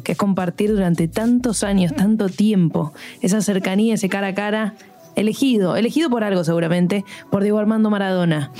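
An Argentine woman co-hosts a podcast, setting up her questions carefully with lists and asides. Her pitch sits mid-range, and faint music plays in the background. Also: fairly quick, dark tone. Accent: Argentine Rioplatense Spanish. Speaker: podcast co-host.

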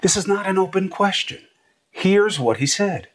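A man's voice: high voice, lively intonation, normal speed. A middle-aged man delivering emphatic, sarcastic opinion commentary as a news anchor.

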